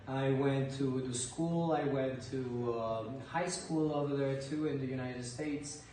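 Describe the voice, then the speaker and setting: Recorded by a distant camera across a desk in an indoor school library, this thirty-something man from Ecuador, a teacher, responds to interview questions. He speaks at a medium pitch and an unhurried pace, relaxed yet hesitant, frequently repeating words as he thinks. The room echoes and there's faint background noise.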